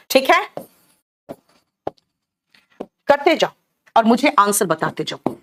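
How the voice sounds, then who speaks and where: A woman's voice: on the high side, slight background noise. A middle-aged woman teaching an exam-prep English lesson with an Indian English accent, calling her students "beta" and checking often whether they have understood. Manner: addresses students as "beta", keeps asking "clear?" and "theek hai?".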